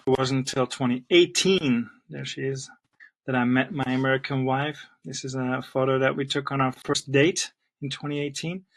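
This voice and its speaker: Man, middle-aged, Flemish accent, Dutch native speaker, language teacher, channel intro, earnest, heartfelt, average pitch. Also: fairly bright tone, rough recording. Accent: Flemish Belgian. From Belgium (Flanders, near Antwerp). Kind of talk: personal channel introduction to camera.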